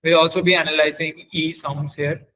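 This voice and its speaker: A man hosts a technical webinar, talking like a trainer stepping through an on-screen demo in a somewhat high-pitched voice that sounds pushed and bright yet level in tone. He stumbles through the explanation with repeated phrases and self-corrections, on a low-quality recording.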